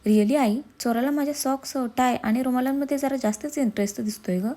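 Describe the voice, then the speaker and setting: Woman reading as a young husband, stressed, curt and irritable, mellow tone, storybook. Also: fairly high pitch, fairly quick, lightly acted. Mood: whiny. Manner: curt, exasperated, then coaxing.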